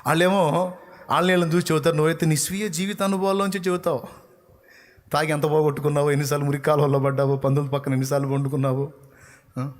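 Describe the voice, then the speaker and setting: A man's voice: steady tone, quick pace. Passionate Telugu-speaking man preaching a sermon. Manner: passionate, swings from shouting to low intensity; speaks in God's voice, rhetorical questions to listener. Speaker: pastor.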